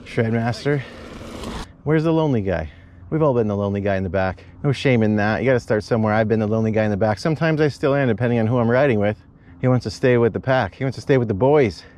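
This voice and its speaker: A man's voice: on the low side, rapid-fire, a little mellow, a little hiss or hum. A man in his thirties chatting and joking while riding mountain bike trails outdoors, recorded on an action camera. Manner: chatty, joking, rambling asides.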